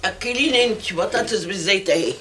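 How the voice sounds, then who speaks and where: A woman's voice: mid-range voice, rapid-fire, a bit bright, slight background noise, natural voice. An actress with an Egyptian accent playing a grown woman who behaves like a demanding, whining child. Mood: childish. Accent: Egyptian Arabic.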